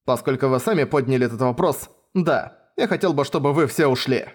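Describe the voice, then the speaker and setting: A man's voice: mid-range voice, a little fast, close to an everyday voice. A man voicing a haughty, prissy young nobleman in an audiobook reading, with a sneering, affected delivery. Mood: sour.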